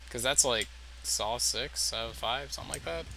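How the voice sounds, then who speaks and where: Casual gaming commentator, man, excitable and profane, average pitch, over noisy game audio. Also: normal speed, creaky. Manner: excitable, swears, stumbles over words. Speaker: gameplay commentator.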